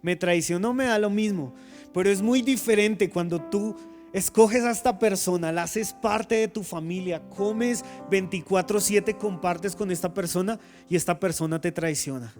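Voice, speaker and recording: A man with a high voice preaches a sermon to his church. He calls on the congregation to repeat lines after him and acts out each quote with drama. Faint instrumental music plays behind him. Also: normal speed, a little mellow. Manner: preaching with call-and-response, dramatic quoted speech. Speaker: guest pastor.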